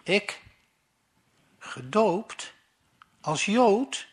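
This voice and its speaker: A shrewd insurance agent answers with dry, sly calm, as a man puts him on. His voice is high-set and he takes his time. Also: slow, reverberant, far from the mic.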